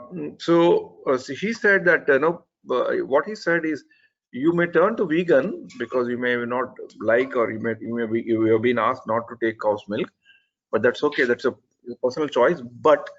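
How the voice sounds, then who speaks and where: A man's voice: medium pitch, lo-fi sound. Man giving earnest feedback over a call. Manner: earnest, methodical critique with frequent restarts. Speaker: presentation evaluator. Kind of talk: spoken feedback on an online talk.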